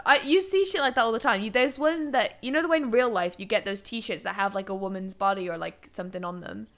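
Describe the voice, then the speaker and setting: Bright, high-pitched woman streamer. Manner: animated, giggly, exclamatory. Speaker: game streamer. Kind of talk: casual banter with friends on a stream.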